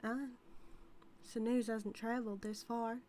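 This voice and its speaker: In a scripted audio roleplay of intimate character acting, a woman plays a flirty, dominant outlaw cowgirl with a Southern US accent, drawling, teasing and sly. Her voice is on the high side, unhurried and a little mellow with little pitch movement, close to everyday speech, over slight background noise.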